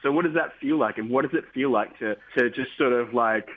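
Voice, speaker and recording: A man's voice: mid-range voice, brisk. A man, a musician guest, talking in a rambling, upbeat way with many restarts in a casual interview. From Australia. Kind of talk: casual interview over the phone. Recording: tinny phone line.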